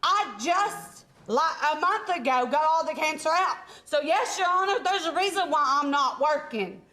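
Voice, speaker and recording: A woman's voice: high-pitched, animated, normal speed, sharp tone. A woman speaking as a litigant on a TV court show, arguing in a blunt, bossy and defensive way. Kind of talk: unscripted courtroom argument. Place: TV courtroom studio.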